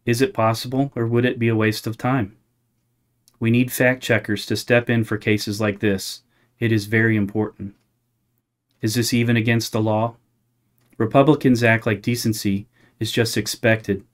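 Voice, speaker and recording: A man with a fairly low voice plays a parody news anchor. He reads scripted satirical items in the form of a straight news bulletin.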